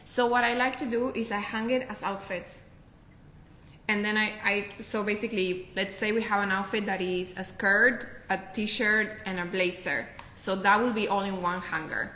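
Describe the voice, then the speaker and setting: A woman's voice: mid-range voice, fairly even intonation, normal speed, sharp tone, echoey room, a little hiss or hum. A woman with a Spanish accent, whose first language is Spanish, giving upbeat packing advice in a casual chat, often checking in with "right?". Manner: upbeat, instructive, tag questions like "right?". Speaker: professional packer, guest.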